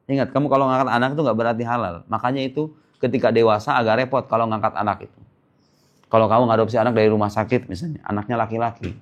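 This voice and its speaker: Animated man teaching an Islamic class. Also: mid-range voice. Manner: lively, questions the class and answers himself; casual, joking. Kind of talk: informal religious lesson.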